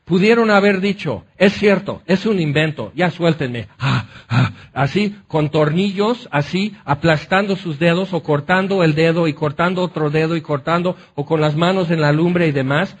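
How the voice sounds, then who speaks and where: A man preaching a sermon, telling the story in a lively way that often slips into acted voices. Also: on the high side, normal speed, a little hiss or hum. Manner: animated storytelling, acts out voices. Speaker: pastor.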